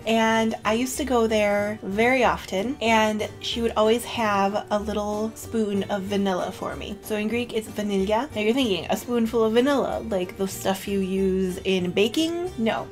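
A young woman vlogging casually to camera, chatty and full of "like", emotional and close to tears. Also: fairly high pitch. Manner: chatty, with filler "like" and self-corrections. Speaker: beauty vlogger.

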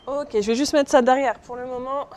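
A woman teaches pastry in a live online class from her kitchen, her high, slightly mellow voice fairly quick and fairly even in intonation. She jokes and chats with viewers, checking in often with "ok?".

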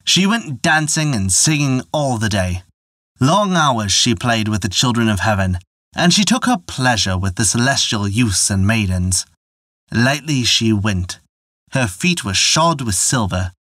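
A man narrating a folktale in a measured, expressive storytelling manner on a close mic. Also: medium pitch, no room sound.

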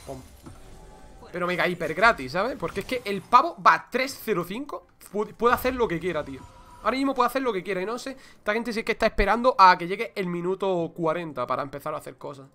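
Excitable young gamer, high voice. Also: male voice, quick pace, faint music behind. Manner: excitable, swears, says "tío" constantly. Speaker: gaming streamer. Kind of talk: casual gameplay commentary.

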